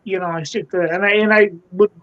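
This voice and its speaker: A man's voice: high-pitched, steady tone, quick pace. A man on a live video-call panel, speaking earnestly and hesitantly, often repeating his words. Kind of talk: casual panel chat. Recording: dull lo-fi audio.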